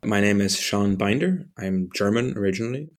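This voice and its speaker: A man in his late twenties from Ireland, answering interview questions in a measured, articulate way with small restarts. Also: on the low side, animated. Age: 20s. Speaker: interview guest.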